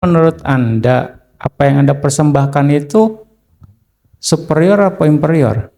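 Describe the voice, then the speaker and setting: A man, a Buddhist monk, giving an unhurried, conversational dharma talk that is full of filler tags and answers a listener's question. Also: on the high side, vocal fry, mellow. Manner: acts out story dialogue with a raised voice.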